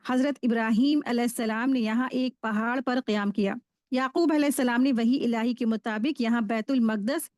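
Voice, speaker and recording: A woman teaching a Quran study class, explaining verses and history in a steady, explanatory way with frequent restarts. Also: fairly high pitch, dry recording, studio quality. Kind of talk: religious lesson.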